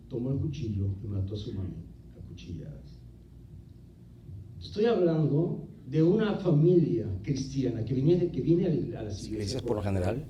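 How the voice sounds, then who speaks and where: A man's voice: mid-range voice, mellow, a little hiss or hum, rough recording. A man preaching a sermon in a church, telling a story with vivid drama. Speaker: pastor.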